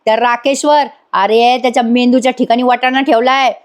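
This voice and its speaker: A woman's voice: fairly high pitch, fairly even intonation, a little fast, pitched above the performer's own voice, close to an everyday voice. A woman voicing an angry, scheming male gang boss who threatens his henchman, in a serial recap. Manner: shouting, threatening.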